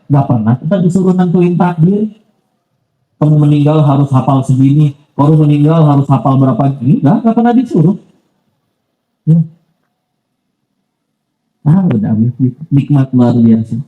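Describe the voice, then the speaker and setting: Animated man preaching in an echoey mosque. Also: mid-range voice, narrow, tinny audio. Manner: casual and animated, lots of asides and polite apologies. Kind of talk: conversational sermon.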